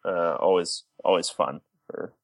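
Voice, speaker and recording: Lower-voiced enthusiastic sports-talk man. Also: measured pace, dry recording, low-quality recording. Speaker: sports talk show co-host. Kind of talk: casual sports chat.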